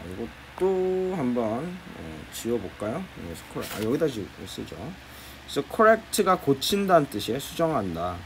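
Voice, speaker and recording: Man, Korean accent, English lesson, animated up-and-down pitch, faint room hum. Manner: explains patiently, repeats key phrases, says "자" often. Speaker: English teacher. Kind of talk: explaining English phrases in a lecture.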